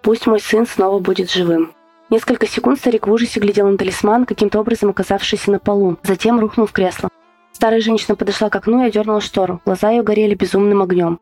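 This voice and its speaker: Measured female narrator for a spooky tale, soft music underneath. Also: mid-range voice, fairly even intonation. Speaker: podcast host. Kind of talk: scripted horror story narration.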